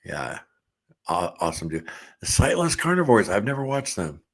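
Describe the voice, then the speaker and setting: A middle-aged man hosting a casual livestream, reading viewer comments aloud and chatting in a relaxed way with frequent laughs. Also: on the low side, moderate pace, husky.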